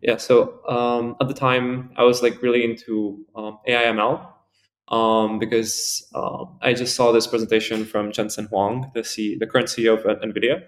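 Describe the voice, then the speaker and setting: Speaking at normal speed with a level tone and medium pitch, a young man from Spain in his early twenties appears as a podcast guest. His interview replies wander loosely, thick with "like" and "um."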